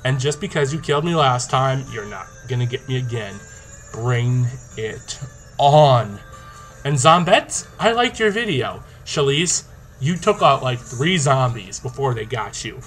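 A playful, animated, boastful young man talks casually to camera in a video diary about a zombie tag game, speaking at a moderate pace in a mid-range voice. He's in a small indoor room, recorded by a webcam or laptop mic at arm's length, with a rock song playing as soft background music.

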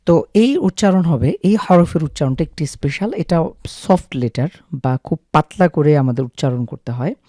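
Patient male tutor, slightly high voice. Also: animated, moderate pace, mellow, no room sound, clean studio sound. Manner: patient, step-by-step, stretches out the sample letter sounds. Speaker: Quran recitation teacher. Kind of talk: explaining Arabic letter sounds to viewers.

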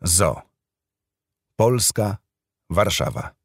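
A man narrating an audiobook thriller in an expressive storytelling manner. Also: low voice, very slow, vocal fry, slightly rough, dry recording, studio quality.

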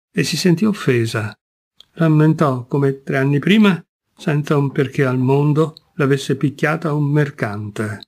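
A man narrating a classic short story in a measured, expressive storytelling voice. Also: medium pitch. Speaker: audiobook reader. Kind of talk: scripted literary narration.

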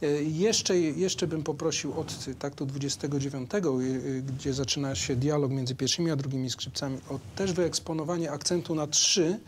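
A man's voice: fairly high pitch, steady tone, normal speed, few pauses, slight background noise. A man coaching a string orchestra in a rehearsal, speaking with hesitations and singing rhythms aloud. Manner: hesitant, sings rhythms and counts beats aloud. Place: rehearsal room with a string ensemble.

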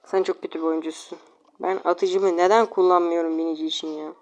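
A woman's voice: on the low side, fairly even intonation, a little fast, a little mellow, dull audio. A woman casually commenting on her own mobile game matches, talking to viewers and opponents, grumbling, exasperated and self-mocking. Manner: self-mocking, jokey asides.

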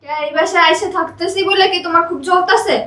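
A woman's voice: extremely high pitch, steady tone, quick pace, pushed and bright, roomy sound. A woman playing a sulky young married daughter with a Bangladeshi Bengali accent, snappy and defensive.

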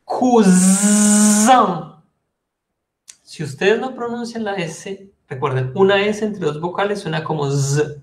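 High-voiced man teaching French patiently. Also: animated, normal speed, hardly any pauses, reverberant. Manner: explains patiently, repeats and spells words. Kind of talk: online language class.

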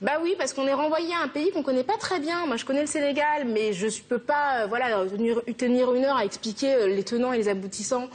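Fast-talking woman with a husky voice. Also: high-pitched. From France. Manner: quick, earnest, thinks aloud with restarts. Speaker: interview guest. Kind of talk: TV interview conversation.

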